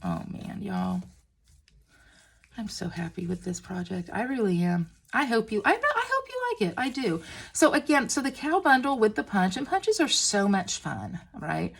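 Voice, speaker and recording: A woman demonstrating stamping crafts, gushing and excitable as she talks while working with her hands. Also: mid-range voice, normal speed, vocal fry, husky. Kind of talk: crafting tutorial.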